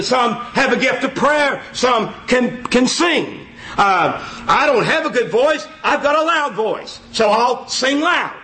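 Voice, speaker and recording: In a church, a man delivers an informal sermon that is folksy and self-mocking, full of repeated phrases and loud exclamations. His voice is very high-pitched, and the recording is rough.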